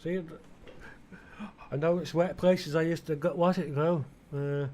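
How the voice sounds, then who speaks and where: Rambling British man, slightly high voice. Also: fairly even intonation, a little slow, a little mellow, a little hiss or hum. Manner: musing aloud, asking himself questions, many restarts. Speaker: gaming video creator. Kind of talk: rambling flight-sim commentary.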